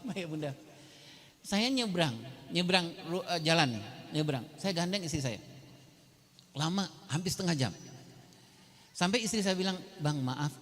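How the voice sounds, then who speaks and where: A man giving a parenting seminar, telling humorous, self-mocking stories and speaking straight to the parents in the audience. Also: high-pitched. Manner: humorous, self-mocking storytelling, often addresses the audience directly. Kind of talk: lively seminar talk to parents. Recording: long hall reverb.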